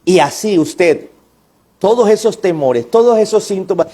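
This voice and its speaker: A male pastor, preaching an impassioned sermon that rises to near shouts. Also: high voice, lively intonation, measured pace.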